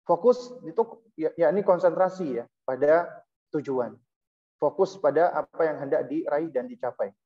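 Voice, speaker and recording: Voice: medium pitch, dark tone, highs cut off. Seorang penceramah agama menjelaskan pendidikan anak dengan tenang dan pelan, sering menyisipkan "ya" untuk menegaskan. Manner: unhurried explaining, peppered with affirming "ya". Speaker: religious lecturer. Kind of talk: Islamic parenting lecture to a live and online audience.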